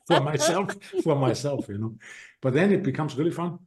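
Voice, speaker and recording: A man with a heavy Austrian German accent talks earnestly as a podcast guest in a casual interview. His voice is a little high and sing-song, and his speech is halting, with many restarts.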